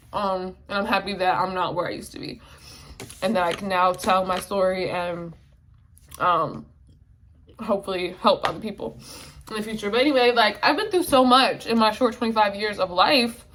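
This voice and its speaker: A woman's voice: mid-range voice, fairly bright tone, a little hiss or hum. A woman in her twenties talking candidly in a casual vlog, with lots of fillers and swearing, emotional and near tears. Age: 20s. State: emotional, tearful at times. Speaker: vlogger.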